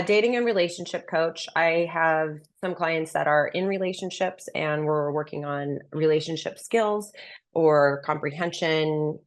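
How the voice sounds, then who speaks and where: A woman speaking as a dating coach in a conversational interview, explaining things and giving opinionated advice. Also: low voice. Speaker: dating and relationship coach, menswear stylist.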